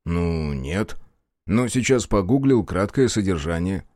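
A man doing an unruffled ex-husband who answers every attack with a soft, maddeningly mild tone. His voice is warm and dark, rising and falling in lively curves. It is read dry and close, as in an audiobook. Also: low-pitched, measured pace, no echo, voice pushed down. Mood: cautious. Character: calm, evasive ex-husband. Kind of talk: audiobook character voice.

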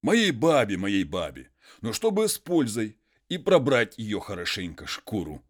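A man voicing an illiterate peasant man who wheedles and pleads in folksy, drawn-out speech. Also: on the low side, wildly swooping pitch, voice pushed up, full character voice. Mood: pleading.

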